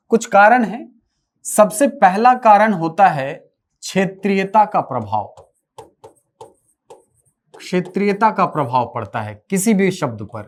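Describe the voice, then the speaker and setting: Male lecturer, live class; unhurried, repetitive, chatty asides to students. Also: high-pitched. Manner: repeats key phrases, asks and answers own questions. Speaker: teacher.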